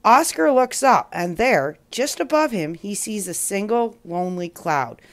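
A woman hosting a children's story show, reading a picture book aloud in a slow, expressive way. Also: medium pitch. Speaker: storyteller host.

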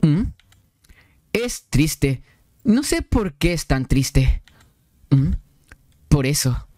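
A man's voice: fairly high pitch, sing-song, drawn-out words, a little mellow, no echo, studio quality, exaggerated voice. A young man voicing a shy, sad nineteen-year-old male pianist, hesitant and subdued.

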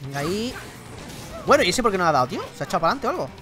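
A young man with a Spain Spanish accent comments on his own gameplay in an excitable, slangy way, talking straight to his viewers. His voice swings up and down a lot. Game music plays clearly behind him. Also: high voice, racing. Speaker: gaming YouTuber.

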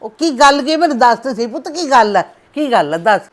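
A woman's voice: high voice, big pitch swings, a little fast. A woman playing a worried older mother in a family drama, coaxing her daughter to speak. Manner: coaxing, pleading.

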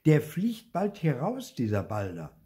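A man's voice: mid-range voice, expressive, a little slow, dark tone, pitched above the performer's own voice, lightly acted. An older man voicing a firm mother who scolds her son in a storybook reading.

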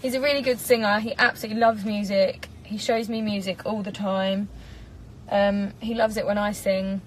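A woman's voice: medium pitch, flat delivery, normal speed, slight background noise, low-quality recording. Bubbly English woman chatting in a car. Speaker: singer doing a live stream. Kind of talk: casual live-stream chat reading comments. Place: parked car. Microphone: phone propped up in front.

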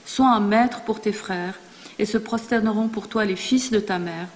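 A woman reading aloud the solemn blessing of an old father, in a measured way. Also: medium pitch, natural voice. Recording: long reverb in a large hall.

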